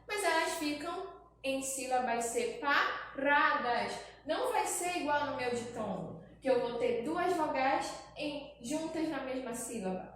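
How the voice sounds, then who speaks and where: Woman, teacher, high voice, unhurried, very echoey room, distant from the mic. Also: fairly bright tone, a little hiss or hum. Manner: slow, repeats key points, checks with "tá?". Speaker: primary school teacher. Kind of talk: recorded grammar lesson.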